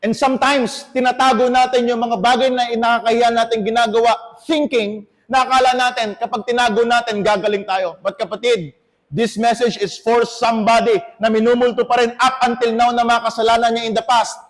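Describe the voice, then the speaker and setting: A man's voice: very high voice, little pitch movement, fairly quick. A Filipino man preaching a sermon to his congregation, switching between Tagalog and English. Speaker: pastor. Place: church hall. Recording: long hall reverb.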